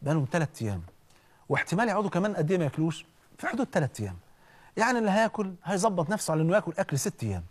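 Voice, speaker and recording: A man with an Egyptian accent preaching in an animated, conversational storytelling way, often checking in with listeners. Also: sits high, rapid-fire, breathy edge. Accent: Egyptian Arabic. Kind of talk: storytelling sermon.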